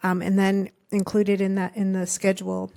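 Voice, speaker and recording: A woman consultant makes a formal presentation at a city council meeting. Her voice is gravelly with creaky fry and stays level in pitch, and she paces her phrases with filler uhs. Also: completely flat delivery, moderate pace, warm tone.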